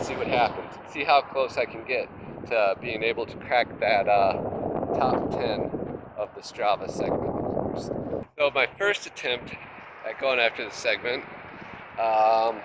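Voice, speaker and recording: A man with a slightly congested, head-cold voice talks in a casual, halting, self-deprecating vlog monologue, matter-of-fact throughout. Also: medium pitch. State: has a cold with nasal congestion. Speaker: vlogger, trail runner. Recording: loud wind and outdoor noise on mic.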